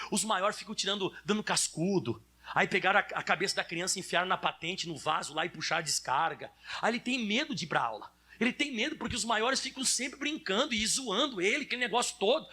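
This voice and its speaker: A male pastor from Brazil preaching a fiery sermon at a church service, with sudden shouted peaks. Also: high voice.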